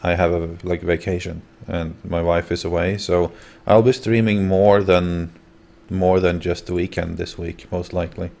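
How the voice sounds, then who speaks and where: A man's voice: low-pitched, level tone, moderate pace, vocal fry, hardly any pauses, darkish tone. A man hosting a livestream, talking casually to his viewers and guests. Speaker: livestream host.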